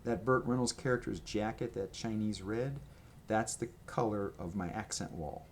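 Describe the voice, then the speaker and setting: A man with a lowish voice gives his camera a chatty, meandering show-and-tell of his merch at a moderate pace, full of fillers and restarts. He sits at a table at home in a gray room with a red accent wall, soft background music playing under the camera mic.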